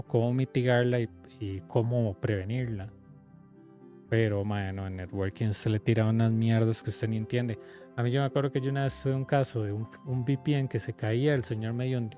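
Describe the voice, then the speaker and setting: A young man with a Costa Rican accent casually telling a work story while playing a game, acting out the people he quotes. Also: medium pitch. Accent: Costa Rican Spanish. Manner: animated, acts out quoted people in conversation. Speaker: game coach streaming gameplay. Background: game music.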